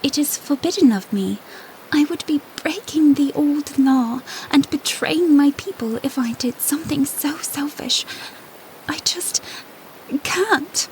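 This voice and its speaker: A woman's voice: sits high, measured pace, slight background noise, poor audio. A woman playing an anguished young princess torn between duty and love, pleading earnestly in an audio drama. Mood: anguished, hushed. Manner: pleading, earnest, breathy hushed delivery.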